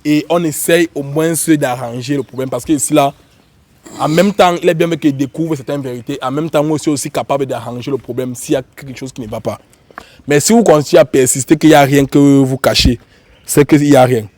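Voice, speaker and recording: A YouTube show host with a Cameroonian accent and a cold addresses viewers and guests in an informal, repetitive way. His voice is medium-pitched, brisk and a little mellow, with no room sound.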